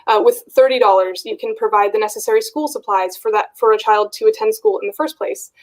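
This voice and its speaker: A woman's voice: mid-range voice, fairly quick, low-quality recording. A woman hosting a virtual fundraiser, encouraging viewers to give and starting many phrases with "uh". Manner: encouraging, with frequent "uh" fillers. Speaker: fundraiser host.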